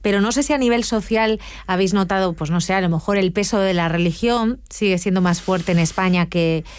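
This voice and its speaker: A woman's voice: mid-range voice, fairly quick, smooth. A woman hosting a radio interview, who asks questions and affirms her guest often. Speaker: radio host.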